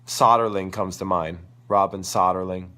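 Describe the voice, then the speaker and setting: Here a man with a low, bright, forceful voice and fairly even intonation runs a live tennis coaching Q&A at a moderate pace. A sore throat leaves him crackly, gravelly and losing his voice, but he stays enthusiastic, rambling and thinking aloud.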